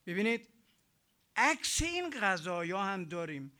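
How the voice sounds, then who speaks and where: High-voiced emphatic male preacher. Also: sing-song, bright, forceful tone. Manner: emphatic repetition and rhetorical questions. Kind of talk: sermon.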